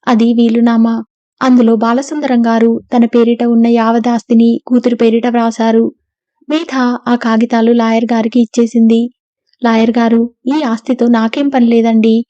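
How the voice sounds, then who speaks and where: Woman narrating a novel in a flat, mellow tone. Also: a little high, moderate pace, no room sound. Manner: steady, even storytelling. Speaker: audiobook narrator. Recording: dull lo-fi dry recording.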